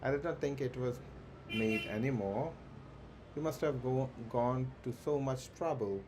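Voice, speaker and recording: A man with a mid-range voice livestreams a game, reading its dialogue aloud haltingly, stumbling and correcting himself. There's clearly noise in the background.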